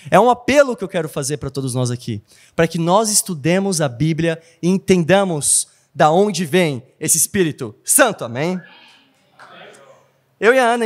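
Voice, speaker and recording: A man preaching a sermon in a church, earnest and conversational, with light humorous asides. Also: on the high side. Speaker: pastor.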